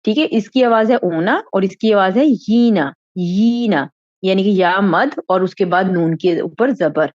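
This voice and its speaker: A woman's voice: medium pitch, a little mellow, no room sound, highs cut off. A woman teaching an Arabic grammar lesson, explaining step by step and often checking that her students are following. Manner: patient, explains step by step, keeps checking with "theek hai?". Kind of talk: Quran grammar lesson in Urdu.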